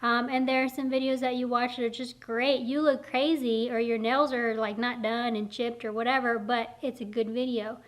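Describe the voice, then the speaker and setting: A woman cosmetology teacher chats straight into the camera, rambling and self-deprecating as she encourages others. Her voice sits a little high, and she sounds a bit out of breath. It is recorded indoors on the camera's own mic. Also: little pitch movement, normal speed, few pauses. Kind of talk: casual talk to camera. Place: indoors, warm room. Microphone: camera mic, speaking to lens.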